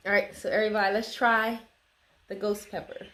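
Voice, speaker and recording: A woman's voice: medium pitch, little pitch movement, fairly quick, fairly bright tone. A woman chatting casually to camera and companions as she hosts a food taste test.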